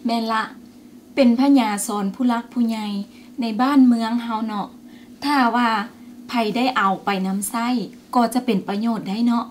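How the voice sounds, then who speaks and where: Woman as an approving Lao aunt, curious questions, scripted skit, a bit high-pitched. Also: normal speed, a little hiss or hum, lightly acted. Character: Lao aunt who values old proverbs.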